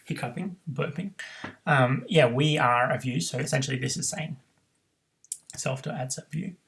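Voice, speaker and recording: A man's voice: mid-range voice, moderate pace, vocal fry, fairly bright tone, rough recording. A man teaching a coding tutorial, thinking aloud with frequent ums and self-corrections. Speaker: programming tutor. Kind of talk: screen-recorded coding tutorial.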